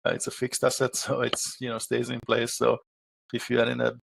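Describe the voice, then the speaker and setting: A middle-aged man from Hungary with a Hungarian accent, answering interview questions as a property manager, with halting speech and many filler pauses. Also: mid-range voice, completely flat delivery, vocal fry, no echo.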